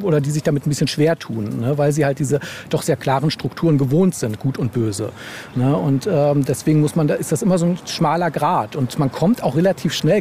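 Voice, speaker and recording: A man with a gravelly voice that sits on the high side and has a dark tone speaks casually in an interview as an author. He hesitates, searches for words, and often adds tag questions. A little hiss or hum is audible.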